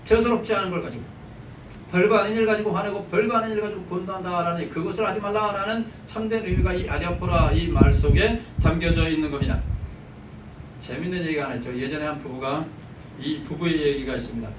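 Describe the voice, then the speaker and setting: A male pastor delivers a Sunday sermon in a lively, bantering way, his fairly high voice ringing through a church sanctuary. The recording is echoey and picked up from a distance, with clear background noise. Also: fast. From South Korea. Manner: lively, joking with the congregation. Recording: echoey church hall, mic from a distance, noisy.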